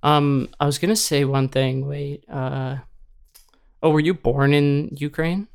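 A woman's voice: low voice, steady tone, a little slow, gravelly, clean tone. A woman interviewing someone in a casual, chatty way. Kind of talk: casual chat.

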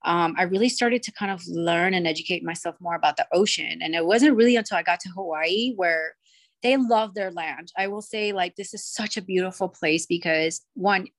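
A woman's voice: on the low side, moderate pace. A young woman from Cuba, a podcast guest chatting casually in a bubbly, rambling way full of fillers. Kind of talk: casual chat.

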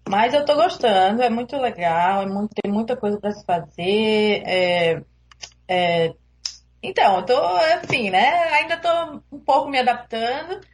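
Speaking unhurriedly in a fairly high, expressive voice, this young Recife native with a Pernambuco Brazilian Portuguese accent is a guest in a casual interview chat held over a remote call. She hesitates at times and laughs readily.

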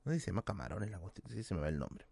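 A man with a Lima Peruvian accent, a podcast host telling a self-mocking anecdote in a casual, animated way. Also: sits low, very fast, gravelly, slightly rough, no room sound. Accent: Peruvian Spanish, Lima.

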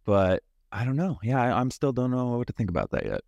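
A man's voice: mid-range voice, wildly swooping pitch, a little fast, vocal fry, darkish tone, dry recording, muffled recording. A man on a casual podcast who laughs often and gives hesitant opinions. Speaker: podcast guest.

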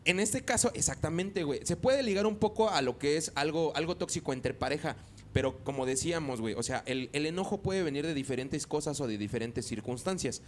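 A man from northern Mexico hosts a loose podcast chat, loud and crude, leaning on slang in every phrase. His voice sits a little high. A faint hiss of room noise runs under him. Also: expressive, brisk. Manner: crude slang-heavy, says güey constantly; talks loud by habit. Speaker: podcast host. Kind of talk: casual chat.

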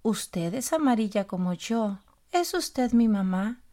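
A woman's voice: a little high, expressive, slow, mellow. A woman voicing a lonely little male bird chick in a children's story, asking plaintive questions. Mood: pleading.

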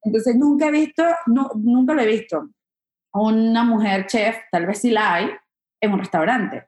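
Chatty, high-voiced woman comedian. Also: moderate pace, reverberant. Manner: animated, chatty, many "o sea" fillers. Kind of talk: casual interview chat.

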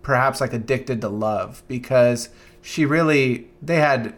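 A young man co-hosting a podcast, in the middle of his range for a man. He talks in a thoughtful, earnest way, restarting words and letting phrases sink quietly at the end. The talk is relaxed and conversational. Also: medium pitch, a little slow. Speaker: podcast co-host. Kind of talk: casual chat.

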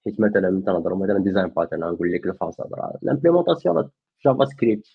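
Moroccan-accented man, lowish gravelly voice, rapid talk, casual discussion, muffled lo-fi sound. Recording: dull, lo-fi microphone sound.

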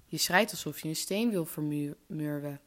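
A woman's voice: low-pitched, normal speed, fairly bright tone. Casting: woman voicing a fat, insistent storybook frog that calls and pleads. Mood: coaxing. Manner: insistent, raised calling voice.

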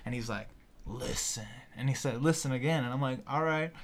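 A young man spins a wild story as a podcast guest in loose, easy chat. He is animated and profane, and he acts out the other people's voices as he goes. His voice sits in an ordinary middle pitch. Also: fast.

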